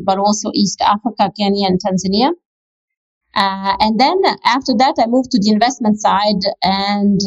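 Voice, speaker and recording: A woman's voice: mid-range voice, lo-fi sound. Hesitant Bosnian-born woman investor. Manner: hesitant, many fillers and restarts. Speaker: venture capital investor. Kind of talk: interview guest telling her background.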